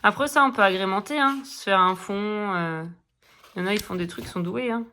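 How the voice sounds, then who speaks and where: A woman's voice: mid-range voice, expressive, fairly quick, bright, forceful tone. A middle-aged woman chatting casually in a coloring vlog, rambling with many fillers and restarts. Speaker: coloring vlogger. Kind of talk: casual chat.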